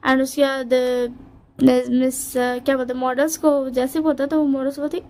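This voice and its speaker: A chatty woman with a high, light voice tells a romance fan story off the cuff. She stumbles and restarts often and fills pauses with hesitations. She voices the characters' dialogue almost in her own plain voice. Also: little pitch movement, a little mellow. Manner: chatty, rambling, many fillers and restarts; quotes each character's lines with little change of voice. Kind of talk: casual spoken retelling of a story.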